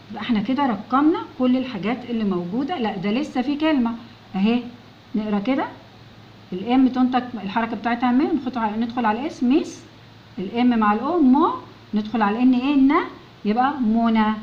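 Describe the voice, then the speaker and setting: A woman's voice: on the high side, expressive, fast. A woman with an Egyptian Arabic accent teaching young children, patiently sounding out words letter by letter and coaxing them to answer. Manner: coaxing, keeps prompting pupils to answer. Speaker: English teacher. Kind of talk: recorded lesson for young children. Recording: dull lo-fi recording with faint noise.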